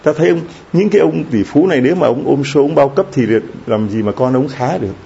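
A warm-voiced male priest delivers a sermon in a conversational style, often tossing rhetorical questions to the congregation. His mid-range voice moves fast, with creak and a breathy edge. The recording is slightly dull and lo-fi, with faint background noise.

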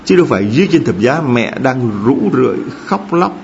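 A male priest delivers a sermon with a very lively, swooping pitch, rising high for emphasis and dropping low and soft. He throws rhetorical questions at his listeners. The recording is slightly dull, with a faint hiss behind it. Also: fast. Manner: animated preaching with rhetorical questions and acted-out quotes.

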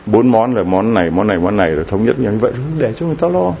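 Warm-voiced priest preaching. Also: male voice, on the low side, sing-song, very fast, vocal fry. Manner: conversational preaching with frequent rhetorical questions to the congregation. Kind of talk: sermon. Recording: slightly dull lo-fi recording with faint background noise.

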